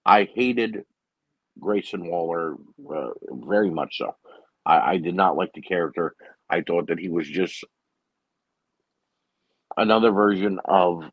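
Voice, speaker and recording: Deep-voiced man recapping wrestling, opinionated. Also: measured pace, pauses often, no echo, dull audio. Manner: opinionated, rambling with many fillers. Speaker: wrestling show reviewer. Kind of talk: casual solo recap commentary.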